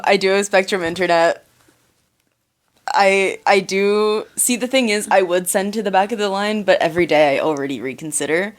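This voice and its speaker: A young woman from Pennsylvania, a guest in a casual interview chat, chatty and candid and quick to giggle. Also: lowish voice. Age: young adult.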